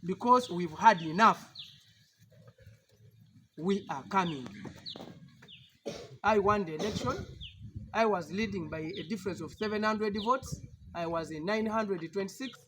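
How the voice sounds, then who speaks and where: A man's voice: high voice, unhurried, pauses often, background noise. A man with a Ugandan English accent, a party politician giving an emphatic, defiant press statement with repeated rallying lines.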